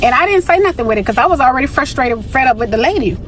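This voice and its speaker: Speaking very fast with lively intonation and a high-sitting voice, this Bahamas-born vlogger in her thirties, who grew up in Miami, shares a story candidly and conversationally. She sprinkles in frequent "you know" asides, faint music plays behind her, and the recording quality is low.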